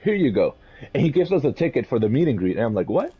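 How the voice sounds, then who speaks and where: Animated storytelling man from Puerto Rico. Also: medium pitch, breathy edge, highs cut off. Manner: animated rambling storyteller, quick laughs. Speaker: podcast co-host. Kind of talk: casual chat.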